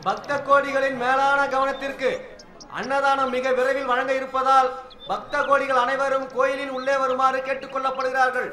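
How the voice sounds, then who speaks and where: Temple announcer on a megaphone, formal, high and bright, flat delivery, movie drama. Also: male voice, normal speed. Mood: formal, announcing. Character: man making temple food announcements to devotees. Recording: echoey loudspeaker sound, light background noise.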